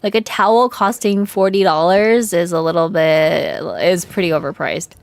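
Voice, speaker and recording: A woman's voice: fairly low pitch, steady tone, moderate pace, dry recording. A woman from China chatting casually on a gaming livestream, candid and slangy with some swearing. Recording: music playing behind voice.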